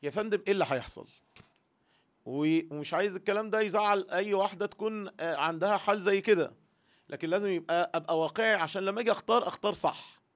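High-voiced Egyptian man teaching religion. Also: very fast. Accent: Egyptian Arabic. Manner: earnest, voices listeners' thoughts in first person. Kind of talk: religious lesson to women.

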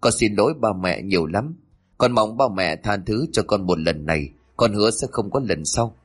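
A man voicing a devoted young husband who speaks gently and pleads, in a storybook reading. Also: lowish voice, expressive, normal speed, breathy edge. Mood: gentle.

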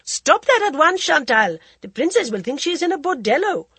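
A grand, worldly older society lady holds court in a storybook, drawling and theatrical, put on by a woman reading aloud. Her voice is husky and a touch higher and louder than plain narration, swooping with lively, arch inflection, recorded close and dry. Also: normal speed, dry recording, exaggerated voice. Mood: arch, languid. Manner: theatrical, languid drawl, calls everyone darling.

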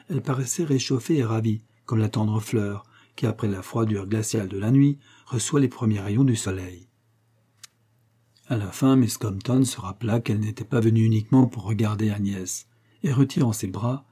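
A man reading a classic novel aloud in measured, even storytelling narration. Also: fairly low pitch, breathy edge. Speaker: audiobook reader.

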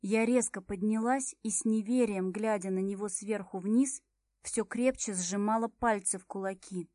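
A woman's voice: medium pitch, moderate pace, no echo, studio quality. A woman reading a tense first-person story aloud, acting out the characters' cries and hisses. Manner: acts out characters' lines with shouts and hisses. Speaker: audiobook narrator. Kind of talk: dramatic first-person book narration.

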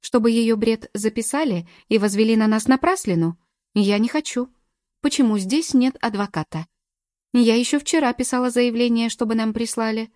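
A woman's voice: fairly high pitch, moderate pace, a little mellow, no room sound, clean studio sound, pitched above the performer's own voice, lightly acted. A woman doing a cold, defensive older sister. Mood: defiant. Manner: cold, clipped and denying. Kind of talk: audiobook character reading.

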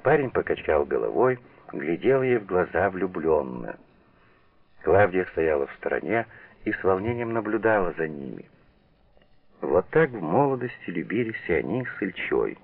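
A deep, gravelly man reads a novel aloud for radio, measured yet expressive, with a pitch that rises and falls widely. The sound is narrow and tinny, like an old broadcast heard over a phone line. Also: no room sound. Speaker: narrator. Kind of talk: literary reading for radio.

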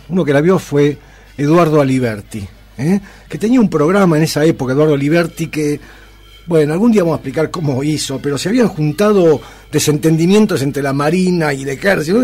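A man's voice: on the high side, darkish tone, breathy edge. A man with an Argentine accent, hosting a radio show in a chatty, rambling way. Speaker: radio host. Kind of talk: casual radio commentary.

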